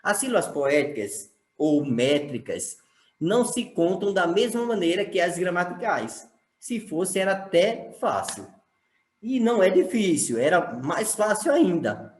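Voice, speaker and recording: Man teaching in an echoey room. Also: high-pitched. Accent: Brazilian Portuguese from Sergipe. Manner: explanatory, asks rhetorical questions. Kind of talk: recorded online lesson.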